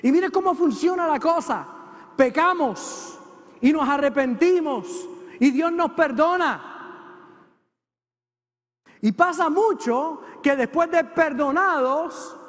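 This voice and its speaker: A man preaches from the pulpit, his voice set very high for a man. His words ring out with a long church-hall reverb. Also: takes it slowly, long pauses, fairly bright tone. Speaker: pastor. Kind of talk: sermon. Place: church sanctuary with congregation.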